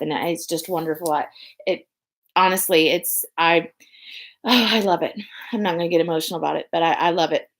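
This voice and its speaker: A young adult woman hosting a podcast in casual chat, rambling with many pauses and restarts. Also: fairly low pitch. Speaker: podcast host.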